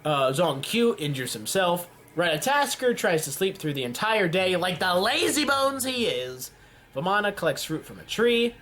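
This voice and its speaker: Excitable man with a very lively voice. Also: sits high. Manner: excitable, jokey, yells at events and laughs. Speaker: YouTube gaming commentator. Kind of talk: casual commentary on a game simulation.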